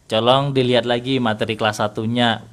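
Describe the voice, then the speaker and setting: An Indonesian man with a mid-pitched voice runs an online Quran recitation class. He corrects his student patiently, asks leading questions and chuckles now and then as he explains. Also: flat delivery, fairly quick. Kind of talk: interactive online recitation lesson.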